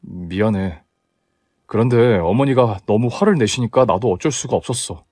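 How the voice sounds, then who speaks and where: A man voicing a sharp, indignant young woman who scolds her fiancé in a storybook tale. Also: medium pitch, dry recording, clean studio sound, close to an everyday voice. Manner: scolding, demanding.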